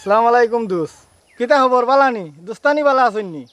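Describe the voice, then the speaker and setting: A man acting as a friendly villager, Sylheti accent, quick fairly high voice. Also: lively intonation, fairly bright tone, no room sound.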